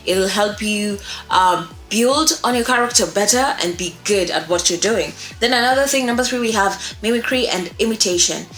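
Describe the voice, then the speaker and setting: Faint music and an echo fill the small indoor room where a young woman sits presenting an instructional talk to camera. Her voice is medium in pitch and a bit bright. She's emphatic and keeps checking in with the people watching.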